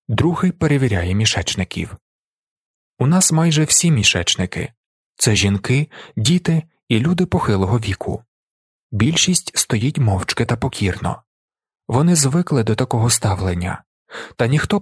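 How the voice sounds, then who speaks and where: A man reading a first-person story as an audiobook, with lively, expressive delivery. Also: mid-range voice, breathy edge, no echo, clean studio sound. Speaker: audiobook reader.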